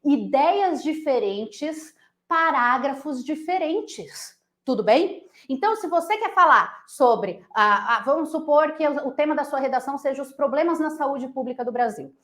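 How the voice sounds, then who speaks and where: Playful high-voiced Brazilian teacher, woman. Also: a little fast, few pauses, echoey room. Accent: Brazilian Portuguese. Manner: playful, animated, uses silly nonsense sounds and voices. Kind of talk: online essay-writing lesson.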